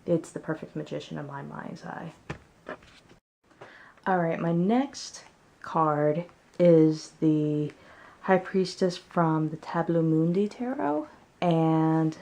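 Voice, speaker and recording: A woman's voice: low voice, takes it slowly, gravelly, long pauses, dark tone. A woman chatting casually at home as she presents her favorites in a vlog. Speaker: tarot deck reviewer.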